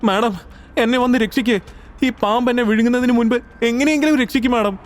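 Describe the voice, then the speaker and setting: A man's voice: fairly quick, a little mellow, natural voice. A man voicing a jittery young hero. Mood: terrified. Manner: pleading and complaining, voice pushed high. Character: young man, anxious, easily frightened, sulky. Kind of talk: audio drama acting.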